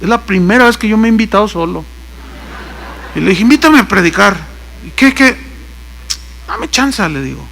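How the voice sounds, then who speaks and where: A man's voice: high voice, lively intonation, moderate pace, creaky, pauses often, fairly bright tone, slight background noise. A man with a Mexican accent preaching a sermon, telling stories and acting out the dialogue, with joking asides. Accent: Mexican Spanish. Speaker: pastor. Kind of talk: sermon with anecdotes.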